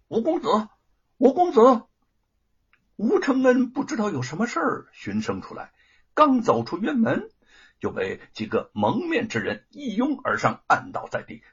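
A man narrating a serialized story with lively, dramatic delivery, on a dull lo-fi recording. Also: high-pitched, breathy edge.

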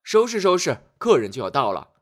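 A fussy, hungry master of the house, as a storyteller voices him, barking short orders with a lively, swinging pitch. He is a storybook grown-up, quick to fuss. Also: heavily acted. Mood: brusque.

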